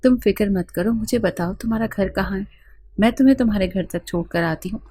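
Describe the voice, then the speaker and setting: A woman voicing a bossy, sharp-tongued elderly woman in an audio story, scolding and commanding. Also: mid-range voice, husky, lightly acted.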